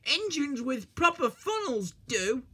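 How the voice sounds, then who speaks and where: A reader voicing a cheeky, excitable little tank engine in a storybook, speaking high and chanting. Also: slow, heavily acted. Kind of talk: storybook reading.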